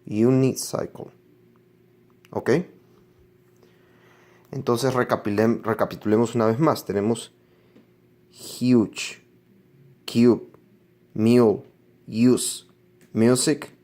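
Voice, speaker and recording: Male language teacher, unhurried and patient, drills each word over and over as he explains. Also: medium pitch, steady tone, a little mellow. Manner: slow, patient explaining with repeated example words. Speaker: English teacher. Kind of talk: classroom lesson on English pronunciation.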